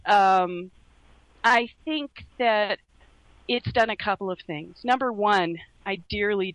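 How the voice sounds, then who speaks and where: A middle-aged woman who grew up in Laos, a radio guest speaking earnestly and reflectively, with many pauses and restarts. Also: medium pitch, a bit bright, no echo, low-quality recording. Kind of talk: earnest conversation.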